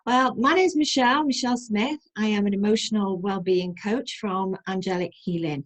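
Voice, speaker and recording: Host: middle-aged woman, mid pitch, warm encouraging interviewer, trails off softly. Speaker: host, wellbeing coach. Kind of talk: hosted interview chat.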